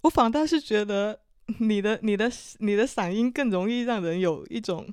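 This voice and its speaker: A woman with a Chaoshan Teochew accent chatting casually as a podcast co-host, with an unhurried, artless, unexcitable intonation. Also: mid-range voice, darkish tone, clear, resonant tone, dry recording, studio quality. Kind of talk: casual chat.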